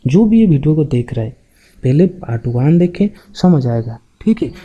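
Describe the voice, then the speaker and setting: A man's voice: a little high, big pitch swings, moderate pace, muffled recording. A man teaching an online accounting class, talking in a chatty, joking way and often checking back with his students. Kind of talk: informal classroom lecture.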